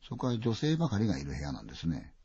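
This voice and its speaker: A man telling a ghost story dramatically, full of vivid sound words and swinging from loud to hushed. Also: on the low side, wildly swooping pitch, rapid-fire, slightly rough, no room sound. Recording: dull, dry lo-fi recording.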